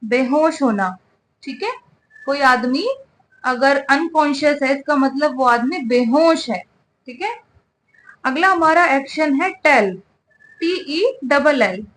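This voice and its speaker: A woman's voice: sits high, slow pace, long pauses, fairly bright tone, slight background noise. A woman teaching English vocabulary, spelling words out letter by letter and checking in with "ठीक है" over and over. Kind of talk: spoken English lesson.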